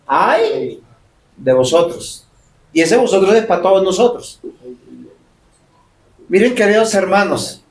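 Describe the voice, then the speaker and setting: A man's voice: sits high, darkish tone, a little hiss or hum. A man preaching a sermon as pastor, emphatic and full of rhetorical questions. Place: church sanctuary. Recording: roomy church echo.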